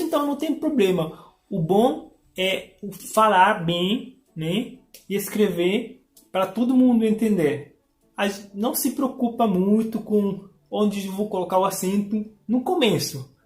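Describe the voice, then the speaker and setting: A woman's voice: medium pitch, darkish tone. A woman giving an informal language lesson, patiently explaining and reading out word lists one by one. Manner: explains patiently, reads word lists slowly, tag questions. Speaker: language teacher. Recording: echoey room with faint music.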